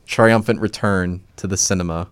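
A laid-back young man co-hosts a casual chat show. His voice sits a little low and sounds dry and close. He speaks in an easygoing, wry way. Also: fairly even intonation, moderate pace, smooth, dry recording. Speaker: co-host.

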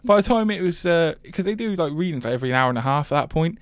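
A man's voice: fairly high pitch, quick pace, no echo. Man, young adult, casual radio chat, storytelling, dry studio sound. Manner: animated storytelling, laughing. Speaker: co-host.

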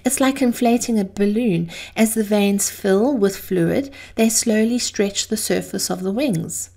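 A woman hosting an inspirational series, delivering a scripted monologue in a theatrical, measured way with drawn-out emphasis. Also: mid-range voice, gravelly, dark tone. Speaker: host of a daily inspirational series.

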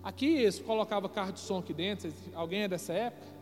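High-voiced preaching man in a church. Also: quick pace. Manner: emphatic, addresses the congregation directly. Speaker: pastor. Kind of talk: preaching at a youth service. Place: church sanctuary. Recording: reverberant church hall with music behind.

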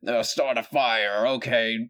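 Guy doing a big orc captain who talks like a nice coach, slow and mock-gentle, kinda just his own voice. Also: medium pitch, steady tone, clean tone, lightly acted. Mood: mock-supportive. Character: gruff male orc captain acting as a kindly coach.

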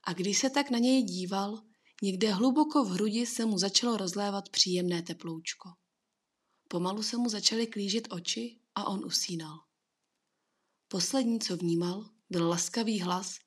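A woman reads a children's storybook aloud in a soft, hushed way, her voice airy and breathy. The pitch sits in the middle, and the telling stays calm and unhurried. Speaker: narrator. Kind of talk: storybook narration.

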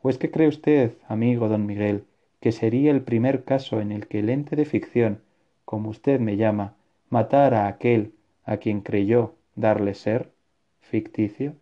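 A man's voice: fairly low pitch, unhurried, natural voice. A man voicing a stubborn, anxious young man who argues earnestly with his own author, read as an audiobook. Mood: insistent. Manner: earnest, insistent reasoning. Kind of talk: audiobook reading. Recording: dull lo-fi recording.

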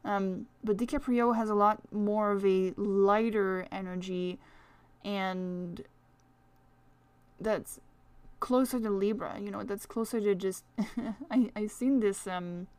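A woman with a French accent hosts a casual solo astrology podcast, rambling and chatty with plenty of fillers. Her mid-range voice is steady and darkish, she takes her time, and there's no room sound.

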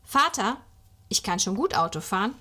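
A woman voicing an eager, excitable little boy, loud and playful. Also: medium pitch, moderate pace. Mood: excited.

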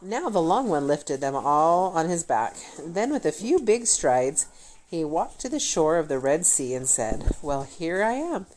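A woman reads a fairy tale aloud in a low, expressive voice that swoops widely through each sentence. A faint hiss sits under the recording. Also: a little slow, poor audio. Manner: expressive, animated reading. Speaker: storyteller.

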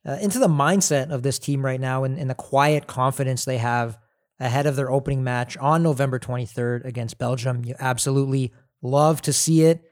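A man's voice: mid-range voice, fairly even intonation, brisk, darkish tone. A man hosting a casual sports podcast, upbeat and chatty, laughing easily. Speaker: podcast host.

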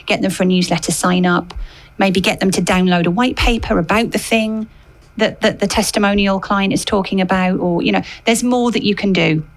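A woman's voice: on the low side, poor audio. A woman speaking as a guest expert, explaining conversationally with some hesitation and repeated phrases for emphasis.

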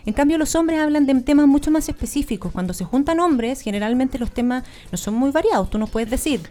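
A woman with a Chilean accent, a guest speaker explaining her points in an animated, casual interview chat. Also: high-pitched, brisk.

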